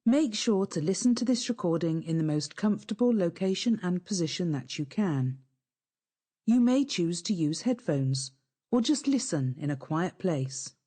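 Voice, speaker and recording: A woman narrating a scripted guided hypnosis session in a calm, soothing, instructive way. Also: lowish voice, moderate pace, breathy edge.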